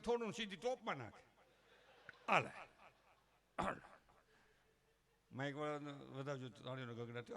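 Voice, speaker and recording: A man's voice: a little high, fairly bright tone. A middle-aged man with a Kathiawadi Gujarati accent, giving a humorous folk talk at a religious gathering, rustic and joking, mimicking villagers before turning earnest.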